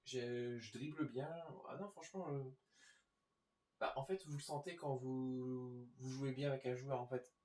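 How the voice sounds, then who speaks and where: A man's voice: mid-range voice, fairly even intonation, a little slow, darkish tone. A man giving casual, informal game commentary, talking directly to his viewers as host. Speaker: gaming video host. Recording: roomy echo.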